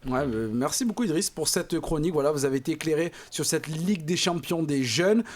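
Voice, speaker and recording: A man's voice: a little high, lively intonation. A man hosting a casual football panel chat, moderating and handing over to guests. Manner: quick, chatty moderator. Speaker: host.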